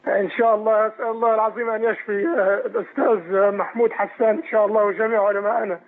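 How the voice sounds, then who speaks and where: A man's voice: sits high, little pitch movement, racing. A man from Egypt, calling in to the show and speaking earnestly with pious well-wishes. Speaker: caller. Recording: tinny phone line.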